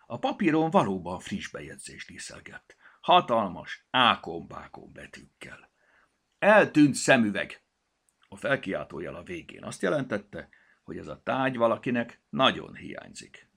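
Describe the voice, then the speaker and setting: A man reading a children's audiobook aloud, expressive and storytelling. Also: fairly low pitch, vocal fry, breathy edge. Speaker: narrator.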